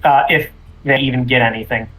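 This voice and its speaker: A man playing a tabletop role-playing game, speaking casually and haltingly as he improvises his character's actions. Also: mid-range voice, steady tone, fairly bright tone, soft background music, low-quality recording.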